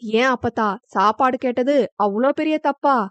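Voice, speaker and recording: A woman voicing a sulky young man who complains quickly and resentfully, on a dull lo-fi recording. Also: sits high, fairly bright tone, dry recording.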